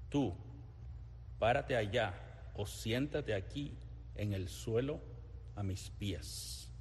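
A man reads scripture as a lector, slowly and solemnly. His voice is fairly low. It echoes through a big church with slight background noise. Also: darkish tone. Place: large reverberant church interior.

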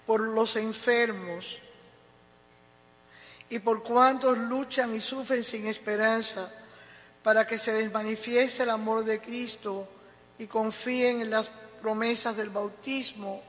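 Un hombre que lee las peticiones de la misa de forma lenta y pareja, con eco de catedral. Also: male voice, high-pitched. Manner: slow, even reading. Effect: cathedral echo. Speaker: lector. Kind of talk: reading prayers of the faithful. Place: large church. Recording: long church reverb.

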